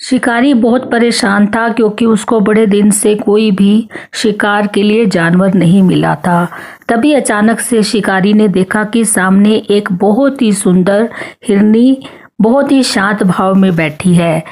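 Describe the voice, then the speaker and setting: A woman narrating a storybook tale as a storyteller, reading aloud gently. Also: mid-range voice, a little slow.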